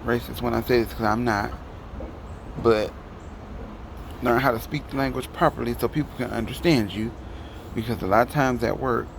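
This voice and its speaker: A Detroit man with the city's accent goes on a heated, wandering vlog rant addressed to the camera. His mid-range voice is creaky, and the background is noisy.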